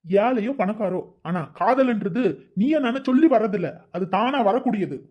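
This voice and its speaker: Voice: mid-range voice, lively intonation, normal speed, highs cut off, lightly acted. A performer voicing a defiant young man in a cartoon, talking back to his parents in an argumentative way.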